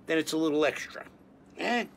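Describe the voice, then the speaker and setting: A man's voice: a little high, fairly quick, creaky, slight background noise. An actor playing a crude, bossy older man who pushes his friend around in a sitcom. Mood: salesy. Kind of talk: sitcom acting.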